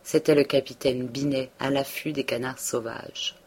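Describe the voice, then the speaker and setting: A woman reading a classic novel aloud as narrator, with measured, steady delivery. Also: a bass voice, slightly rough. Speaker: audiobook reader.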